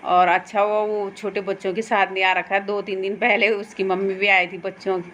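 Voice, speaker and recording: A woman's voice: mid-range voice, flat delivery, normal speed, fairly bright tone, muffled recording, slight background noise. A young woman narrating a casual outdoor vlog into her phone, chatty and pointing things out as she walks by a mountain stream and fields. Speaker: vlogger.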